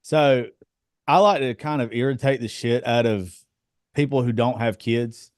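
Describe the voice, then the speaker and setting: On a podcast, a man in his thirties chats bluntly and swears freely while telling stories from his home life. His medium-pitched voice is unhurried, and the recording is dry with clean studio sound.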